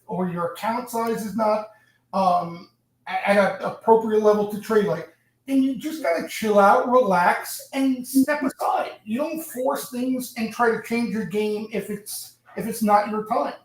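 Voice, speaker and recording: A man's voice: high voice, normal speed. Man from Long Island with cave echo. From Long Island, New York. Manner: blunt, profane, talks through fillers. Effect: cave-like echo, far from the mic. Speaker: trading stream host. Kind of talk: casual market commentary. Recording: cavernous echo, distant mic.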